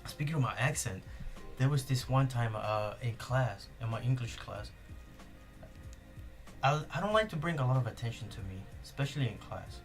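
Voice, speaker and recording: A young adult podcast host, a native Spanish speaker with a Spanish accent, chats casually and rambles with lots of fillers and restarts. His mid-range voice is animated at a moderate pace, with faint music behind him.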